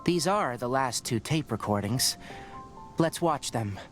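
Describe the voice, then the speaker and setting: A composed young scholar, as a man plays him, calm and measured with a reserved edge. His voice sits in the middle of the range, and game music plays clearly behind him. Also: medium pitch, lightly acted. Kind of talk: video game voice acting.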